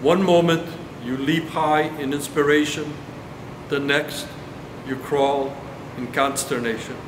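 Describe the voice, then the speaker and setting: A man with a fairly high voice reads his poetry in an unhurried, measured way. The recording is roomy and reverberant, with a steady air-conditioning hum behind him. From Brazil. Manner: slow, measured recital. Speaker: poet. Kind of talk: poetry reading.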